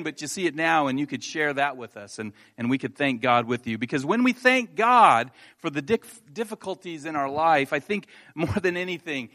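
A man's fairly high, sharp-toned voice carries this conversational sermon. The pastor shares a personal story, chuckling at his own expense, before turning to earnest encouragement of his congregation.

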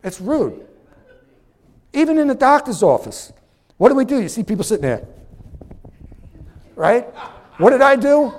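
A man's voice: very high voice, big pitch swings, normal speed, pauses often. A middle-aged man preaching a sermon as pastor, impassioned and preachy, sweating as he talks. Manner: impassioned, preachy, acts out little dialogues.

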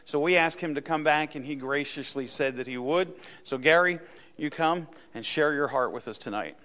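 A man's voice: on the high side, moderate pace, bright, forceful tone. A man speaking as a pastor, addressing his congregation in an introduction for a guest speaker.

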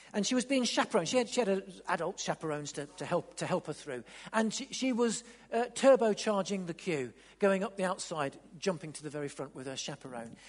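A man preaching a sermon, stumbling over and repeating words, then building to excited emphasis. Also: sits high. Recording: long hall reverb.

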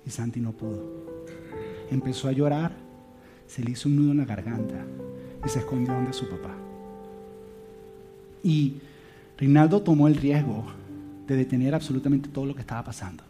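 A man telling a heartfelt story to a church audience, swinging between loud emphasis and hushed soft lines. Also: medium pitch, normal speed, long pauses. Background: soft guitar music.

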